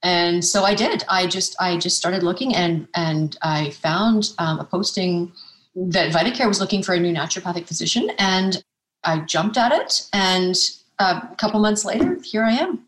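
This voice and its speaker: A woman speaking with a fairly low voice answers interview questions earnestly. She restarts her phrases and often adds a questioning "right?". The sound carries a roomy echo. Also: animated, moderate pace. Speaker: naturopathic physician guest.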